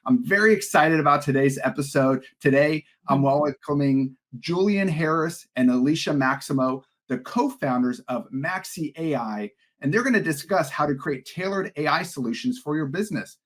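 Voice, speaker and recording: A man's voice: on the high side, lively intonation, normal speed, few pauses, fairly bright tone. A man hosting a marketing podcast, upbeat and friendly, reading his opening and asking guests questions. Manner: upbeat, friendly host patter. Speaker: podcast host. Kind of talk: scripted podcast intro and interviewing.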